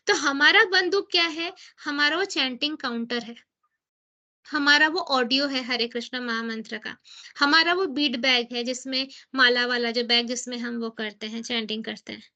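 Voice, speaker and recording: A woman's voice: sits high, sharp tone, lo-fi sound. A woman leading a devotional scripture class who explains in chatty mixed Hindi and English, asking and answering her own questions. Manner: reads English book passages slowly and deliberately.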